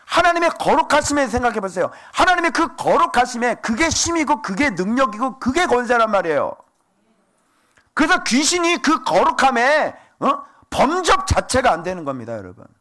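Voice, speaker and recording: Animated, high-pitched preaching pastor. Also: male voice, normal speed. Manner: animated preaching with rhetorical questions to the congregation. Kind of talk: sermon.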